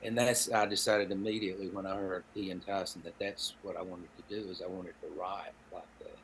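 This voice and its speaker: A man in his seventies from Appalachian Tennessee, speaking with a Southern Appalachian accent as a podcast guest; he's a storyteller and songwriter. His deep voice moves little in pitch, and his brisk, slightly bright delivery carries folksy, wry, dry humor as he tells personal anecdotes conversationally. The recording is rough, with slight background noise.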